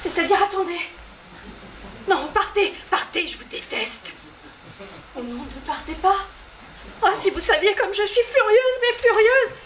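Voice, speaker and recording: A woman's voice: very high-pitched, unhurried, long pauses. A woman playing a furious, torn widow. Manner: sharp, snapping retorts. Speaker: stage actress. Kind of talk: amateur stage acting. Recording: echoey stage recording, faint noise.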